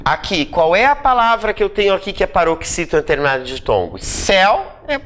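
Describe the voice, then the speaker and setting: Woman teacher at the whiteboard, lowish voice that jumps around a lot, stretches words out, drifts off mic sometimes. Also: very animated. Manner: drawn-out emphatic word-by-word explanations. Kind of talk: exam-prep grammar lesson at a whiteboard.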